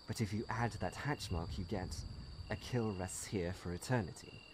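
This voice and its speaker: In a comic dub, a man voices a witty, unflappable female archaeologist adventurer, musing aloud with wry quips and muttered asides to himself. His voice is low, natural and moderately paced. Clear music plays behind him, along with some background noise.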